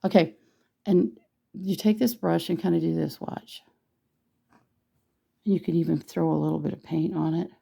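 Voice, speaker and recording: A hoarse woman with a gravelly voice, chatting casually and teasing herself while she teaches a painting tutorial. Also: deep voice, steady tone, moderate pace, pauses often, dark tone. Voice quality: gravelly, husky voice. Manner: chatty, self-deprecating, thinks aloud while painting.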